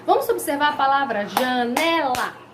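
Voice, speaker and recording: A high-voiced woman teaches a grammar lesson with lively emphasis. She draws out each example word and keeps throwing questions at the viewer. A faint background hum runs under her voice. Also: fairly quick. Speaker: Portuguese language teacher.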